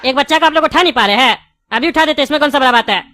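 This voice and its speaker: A woman's voice: sits high, rapid-fire, no room sound, clean studio sound. Woman voicing a bickering bald cartoon candy seller. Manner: loud, indignant, bickering. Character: bald male jelly candy seller, quick to argue.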